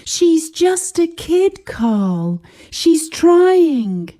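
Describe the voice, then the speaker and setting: A woman storyteller voicing an anxious, placating mother in a soft, pleading tone. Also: medium pitch, very animated, slow, voice pushed up.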